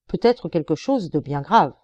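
A level-headed young male detective, voiced by a woman narrating an audiobook, who talks a hot-tempered superior down with calm reasoning. The tone is low and mellow, with lively rises and falls. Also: normal speed, no room sound, highs cut off. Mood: confident.

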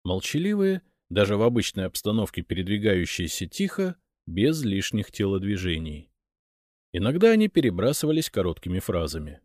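A man narrating a first-person audiobook in a measured storytelling manner, voicing each character in turn. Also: lowish voice, very animated, darkish tone, dry recording, studio quality.

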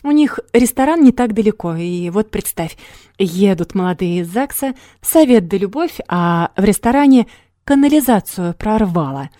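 A woman reading an audiobook, voicing a brash, scheming young man who talks loud and pushy. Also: mid-range voice, animated, normal speed, no room sound, studio quality, natural voice.

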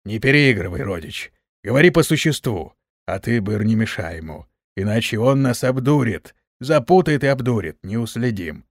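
A man reading an audiobook, voicing a cautious, commanding male orc great khan in a low, measured grumble. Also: lively intonation, dry recording, clean studio sound.

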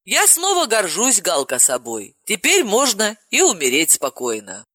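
A woman's voice: medium pitch, wildly swooping pitch, a little slow, a bit bright, no echo, pitched above the performer's own voice, full character voice. A woman voicing a wry, resilient heroine who speaks matter-of-factly with dry humor in an audiobook.

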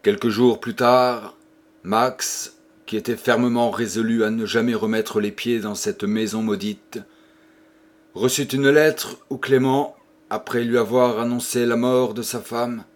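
A man narrating a classic novel as an audiobook, reading in a dramatic, measured way. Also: medium pitch, fairly even intonation. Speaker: audiobook reader. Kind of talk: scripted literary narration.

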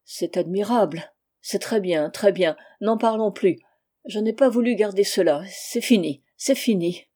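A woman reading the lines of an aging deposed king, cordial and gently rueful, in a French audiobook. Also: high-pitched, measured pace. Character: aging deposed old king, genial and regretful.

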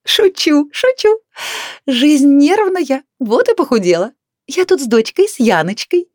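A woman reading aloud, voicing a loud, brash, overbearing woman of about sixty who shrieks her lines. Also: high-pitched, very animated, measured pace, no echo, studio quality, pitched above the performer's own voice. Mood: shrieking. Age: 60s.

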